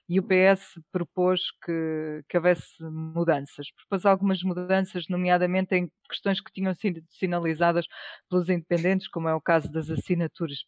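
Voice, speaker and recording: A woman with a European Portuguese accent, giving political commentary on a panel with measured, hesitant restarts. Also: on the low side, no echo. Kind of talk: panel discussion.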